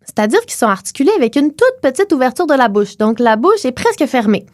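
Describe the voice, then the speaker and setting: Young Québécois woman, podcast co-host explaining phonetics. Animated, higher voice, teacherly and clear, dry close mic. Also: dry recording. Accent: Québécois French. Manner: clear teacherly delivery, slows to model sounds.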